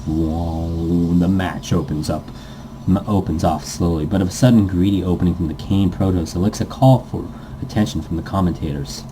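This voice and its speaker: A let's player narrates a story aloud in a low, steady voice at a moderate pace over background noise. He's goofy, sometimes stumbling over the words and correcting himself, and tosses in playful asides.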